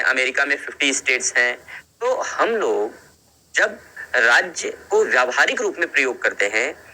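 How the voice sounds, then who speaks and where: A man teaching a lecture to students, repeating key phrases and calling them children, and speaking slowly because of a headache. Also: a little high, sharp tone, rough recording. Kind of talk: classroom lecture.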